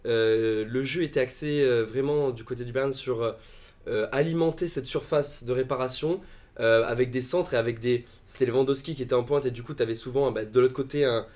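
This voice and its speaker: Male football pundit, mid-pitched, halting delivery full of "euh", live-stream chat. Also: steady tone, darkish tone. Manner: hesitant, many fillers and restarts. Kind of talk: casual live-stream discussion.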